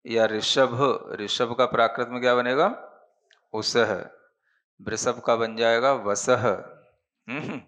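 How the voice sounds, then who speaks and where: A man's voice: mid-range voice, fairly even intonation, a bit bright. A man teaching a Prakrit grammar class, patient and explanatory, often checking with his students that they follow. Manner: slow, patient, checks understanding with "है ना?". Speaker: Jain monk teaching Prakrit.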